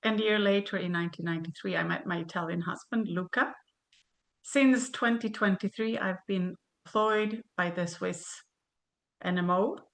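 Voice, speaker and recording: A woman in her fifties from Sweden, reading a prepared webinar presentation in a measured way over a video call. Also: fairly low pitch, fairly even intonation.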